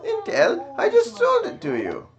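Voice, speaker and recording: A man's voice: very high-pitched, huge pitch swings, measured pace, lo-fi sound, over music, pitched above the performer's own voice, full character voice. A man voicing a scornful male trader who sells cave intel and despises outsiders, reading game dialogue aloud with a sneering tone. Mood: mocking.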